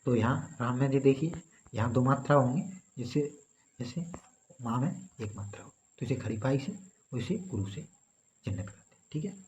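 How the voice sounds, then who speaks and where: A man's voice: medium pitch, moderate pace, darkish tone. A man teaching a grammar lesson. He explains step by step and keeps checking in with his students. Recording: slightly dull recording with faint background noise.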